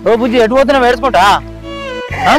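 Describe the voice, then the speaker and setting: A man's voice: extremely high pitch, fairly even intonation, quick pace, over music. A man with a Telangana accent playing an elderly village neighbor who fusses urgently and repeats himself. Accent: Telangana Telugu. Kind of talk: village comedy skit acting.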